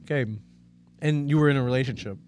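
A man's voice: medium pitch, fast, darkish tone, smooth. A man co-hosting a podcast in casual chat, rambling and joking at his own expense. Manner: rambling, joking, self-deprecating. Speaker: podcast co-host.

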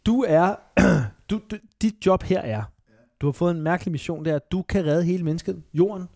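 A man in his thirties hosting a casual comedic podcast chat, telling stories with animated, self-mocking asides. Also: high-pitched, creaky. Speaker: podcast host.

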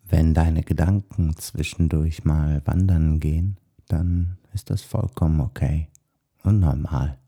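A man with a soft, husky, breathy voice guides a meditation in a hushed, soothing manner, leaving long pauses. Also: very deep voice, steady tone. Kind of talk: guided meditation, body scan.

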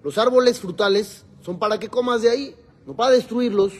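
Husky-voiced rabbi teaching. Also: male voice, high-pitched, fairly quick. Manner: asks rhetorical questions and answers them himself; mixes Hebrew verses into Spanish teaching. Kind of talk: Torah lesson to a class.

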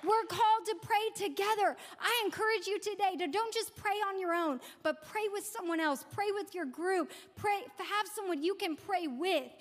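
A woman pastor with a very high voice delivers an emphatic sermon, leaning on key words and repeating them. Her voice carries a long reverb tail from a church sanctuary. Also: moderate pace, few pauses.

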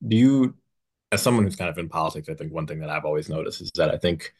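A man's voice: rumbling low, expressive, fast talker, a little mellow. A man interviewing on a panel conversationally, with thoughtful, roundabout phrasing as he frames questions.

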